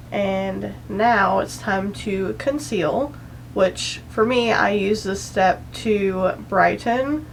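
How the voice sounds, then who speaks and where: A woman's voice: medium pitch, creaky, slight background noise, rough recording. A young woman chatting casually through a makeup tutorial, rambling and self-deprecating, a bit anxious and out of breath. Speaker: beauty vlogger.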